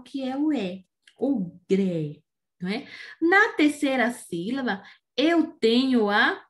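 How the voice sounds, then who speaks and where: A Brazilian woman teaching young children about syllables, slow and patient, often checking in with "né?" and "não é?". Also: fairly high pitch. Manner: slow and patient, asks "né?" and "não é?" after most points; says words slowly, syllable by syllable. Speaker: primary school teacher. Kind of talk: remote reading lesson for young children.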